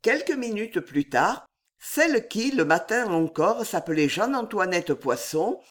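Dramatic storyteller, slow and lilting, reads a period novel. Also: mid-range voice. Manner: dramatic, expressive. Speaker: audiobook narrator. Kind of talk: scripted narration of a historical novel.

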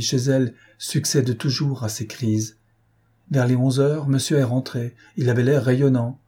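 A man's voice: medium pitch, mellow, breathy edge, close to an everyday voice. A man voicing a talkative female governess who recounts events in a chatty, fretful way.

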